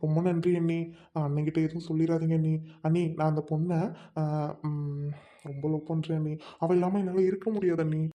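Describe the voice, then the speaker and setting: Woman playing a lovesick college guy, fast worried talk, mellow lowish voice, home audio drama. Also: little pitch movement, close to an everyday voice. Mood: earnest. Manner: quick, earnest, worried. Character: anxious lovesick young college man.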